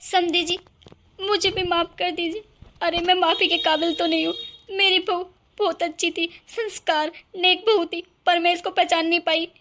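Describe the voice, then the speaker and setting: A repentant mother-in-law in a cartoon family drama, voiced by a woman, begging for forgiveness. Her voice is very high and apologetic. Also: steady tone, normal speed, pushed and bright. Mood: remorseful. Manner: apologetic, pleading. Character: remorseful middle-aged mother-in-law.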